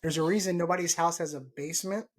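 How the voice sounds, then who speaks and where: Over a video call from a room in his home, a Texas man in his thirties hosts a laid-back gardening podcast with a slightly high, quick voice. He laughs often and repeats himself, and crowd noise is audible.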